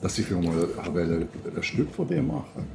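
A Swiss man with a low, sing-song voice chats at a normal pace, reminiscing casually while acting as the interviewer in a conversation. They're at a table as food is served, and the clatter of dishes and cutlery comes through clearly.

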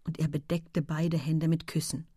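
A woman narrating a literary audiobook in a soft, hushed manner. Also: deep voice, level tone, moderate pace, breathy edge, dry recording, clean studio sound.

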